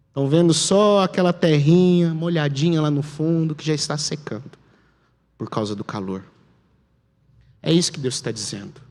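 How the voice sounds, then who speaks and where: A man with a Brazilian Portuguese accent preaching a sermon as pastor, telling the story dramatically and dropping to a hush at key moments. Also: on the high side. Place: church sanctuary. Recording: long church hall reverb.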